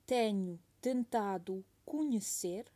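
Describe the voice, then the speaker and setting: Slow, mellow-voiced woman dictating. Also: medium pitch, expressive. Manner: repeats each phrase and speaks punctuation aloud. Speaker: teacher giving a dictation.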